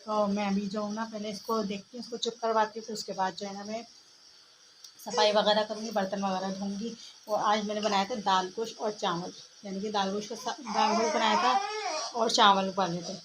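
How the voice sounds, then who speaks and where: Young woman, home vlogger, flat and soft chatty delivery, noisy phone recording. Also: mid-range voice, fairly quick. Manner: chatty, rambling with many fillers; speaks softly so as not to wake her child. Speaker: family vlogger. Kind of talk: casual home vlog. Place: home, indoors.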